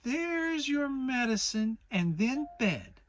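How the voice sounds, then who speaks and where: A woman's voice: high voice, big pitch swings, takes it slowly, slight background noise, voice pushed up, exaggerated voice. A woman as Kanga, a firm motherly kangaroo. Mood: brisk, coaxing. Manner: thoughtful, soothing, mildly severe nannying. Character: motherly female kangaroo, brisk, soothing, firm. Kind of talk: children's storybook dramatic reading.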